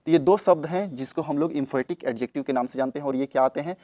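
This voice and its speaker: A man gives a classroom grammar lesson and repeats each point, asking a question and then answering it. His voice sits a little high for a man. The recording is dry and close, with no room sound. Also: fast, dark tone, no echo. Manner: repetitive, asks rhetorical questions then answers them. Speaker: English grammar teacher.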